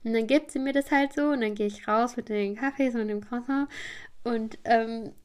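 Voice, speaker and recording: A woman's voice: fairly high pitch, moderate pace, clean tone. A woman hosting a podcast, telling a story in a rambling, chatty way with many fillers. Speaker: podcast host.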